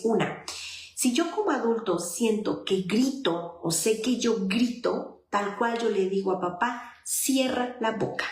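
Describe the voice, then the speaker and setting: Woman psychologist, mid pitch, chatty advice to parents, echoey room. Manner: explanatory, conversational, often checks in with listeners. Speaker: child psychologist. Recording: roomy echo.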